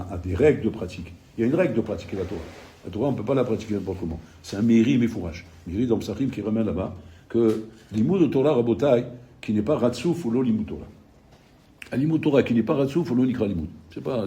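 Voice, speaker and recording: A middle-aged man giving a recorded Torah lesson at a quick clip, his voice dark and mellow. He talks in an animated, repetitive way, stumbling and restarting as he goes, and drops Hebrew terms into his speech. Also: on the low side. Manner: rapid, repetitive, animated storytelling with many restarts. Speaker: rabbi teaching a Torah class. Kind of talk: recorded Torah lecture with anecdotes.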